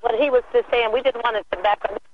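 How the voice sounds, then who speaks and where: A woman calls in over a glitching phone connection that breaks up mid-sentence. The line is thin and tinny, with a faint hiss underneath. Her phrases come out halting and chopped off. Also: a little high, steady tone. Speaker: caller.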